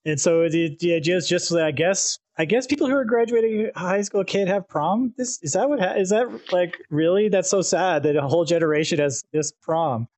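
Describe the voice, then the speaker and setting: A man's voice: high voice, normal speed, few pauses, a little mellow. A man hosting a casual interview, friendly, laughing easily and restarting his questions. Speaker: host. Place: virtual reality social space.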